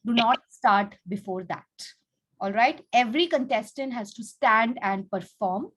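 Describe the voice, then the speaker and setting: On an online video call, a woman with a fairly high-pitched voice acts as teacher and host for children. Speaking a little slowly, she lays out rules instructively and prompts the kids with questions.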